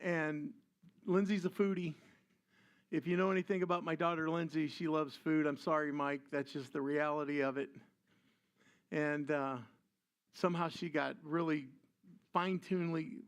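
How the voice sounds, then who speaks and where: Older pastor guy, high voice, super animated storytelling. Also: normal speed, clear, resonant tone. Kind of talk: sermon.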